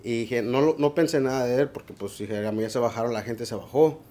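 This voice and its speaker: A man's voice: medium pitch, brisk, warm tone, slight background noise. A young man, recounting events casually in a loose storytelling way with frequent fillers and English words mixed in. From Laredo, Texas border region. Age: young adult. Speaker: local resident rescuer interviewed.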